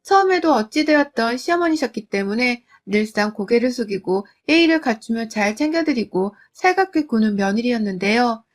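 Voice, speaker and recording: A woman's voice: on the high side, animated, normal speed, few pauses. A woman in her thirties narrating her own family story in a confiding, conversational way. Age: 30s. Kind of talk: first-person story narration.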